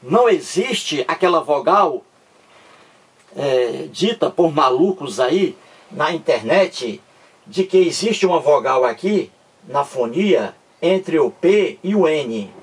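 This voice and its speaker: A male teacher explains a grammar point slowly and patiently, his voice lively in pitch and a little husky. He keeps checking that his listeners follow, and he sounds distant from the microphone. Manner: slow, repetitive, checks understanding with the class. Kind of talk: grammar lesson.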